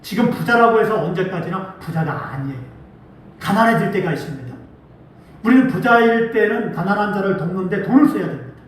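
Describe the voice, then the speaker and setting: Man, pastor, sermon, high voice, very lively pitch, echoey church, distant mic. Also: fairly quick. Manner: preaching with animated acted-out quotes. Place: church sanctuary.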